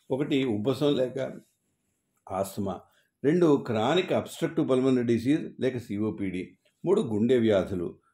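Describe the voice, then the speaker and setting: A man, a doctor, reading a medical explainer in a measured, methodical way, listing causes one after another with small hesitations. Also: medium pitch, mellow. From Andhra Pradesh, India. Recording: roomy echo.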